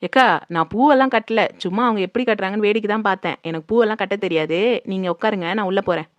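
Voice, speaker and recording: A woman playing a cheeky young daughter-in-law who answers back quickly in a comedy skit. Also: medium pitch, no echo, muffled recording, lightly acted. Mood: dismissive. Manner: quick, sassy back-talk.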